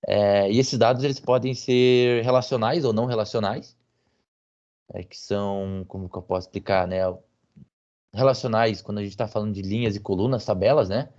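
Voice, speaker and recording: Over a muffled, lo-fi video call, a man guest-speaks on business intelligence in a technical talk. His voice is fairly low, a little mellow, and paced normally, and he sounds hesitant, leaning on fillers and tag questions.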